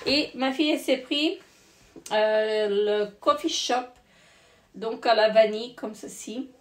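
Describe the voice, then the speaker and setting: In a roomy-sounding space, a hoarse woman in her forties casually shows off her grocery haul. Her voice sits a little high and her pace is measured, but she rambles, full of fillers and self-corrections.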